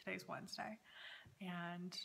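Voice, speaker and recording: A woman's voice: fairly low pitch, steady tone, unhurried, vocal fry, a bit bright, a little hiss or hum. A woman in her thirties hosting a casual, chatty vlog from a room at home, talking in a hesitant way. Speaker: knitting podcast host. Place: dining room at home, indoors.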